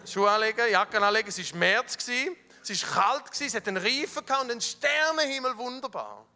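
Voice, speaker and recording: A middle-aged man with a Swiss German accent preaching a sermon, telling a story with fervour, dropping from loud to hushed. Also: high-pitched, expressive, normal speed. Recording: long hall reverb with faint music.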